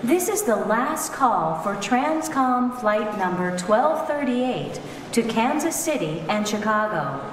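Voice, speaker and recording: Actress as formal female gate announcer, slow intercom call, higher-pitched, booming hall reverb. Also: big pitch swings. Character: woman airline gate announcer, formal and orderly. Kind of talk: scripted boarding announcement over the intercom. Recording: echoey public hall, long reverb, noisy.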